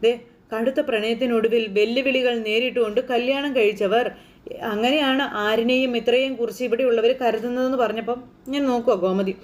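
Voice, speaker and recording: A woman from Kerala walks through a TV serial episode scene by scene in a loose, conversational way. She talks fast, her voice sitting a little high. She rambles and keeps checking in with the listener. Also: steady tone. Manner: chatty, rambling retelling with frequent "you know" tags. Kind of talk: casual spoken recap of a TV serial.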